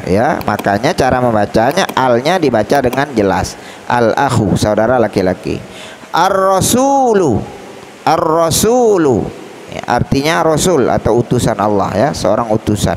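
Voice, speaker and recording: A man with an Indonesian accent teaching an Arabic lesson, patiently asking questions, answering them himself, and drawing out each example word slowly. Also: a little hiss or hum. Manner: stretches out example words slowly; sing-song, pitch drops at the ends of phrases. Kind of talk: recorded Arabic grammar lesson.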